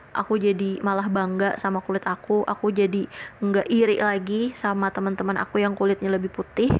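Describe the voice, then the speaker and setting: A woman's voice: medium pitch, lo-fi sound, a little hiss or hum. Chatty young woman telling a story. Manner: chatty, leans on frequent fillers and retells conversations; earnest and grateful. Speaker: podcast host. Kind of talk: casual personal storytelling.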